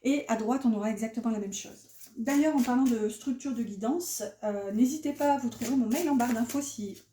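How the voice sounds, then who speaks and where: A chatty woman who gives a loose, rambling tarot reading full of fillers and restarts. Her voice sits a touch high but sounds mellow and soft. The room around her is noticeably echoey. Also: fairly quick. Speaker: tarot card reader. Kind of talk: casual spoken tarot reading.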